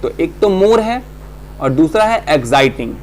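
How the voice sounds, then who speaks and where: Male grammar teacher, fairly high voice, slow English, rapid Hindi, quiet hum in the room. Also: sing-song. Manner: reads English examples slowly, explains in quick Hindi; asks students questions and answers them himself. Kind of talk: exam-prep grammar lesson.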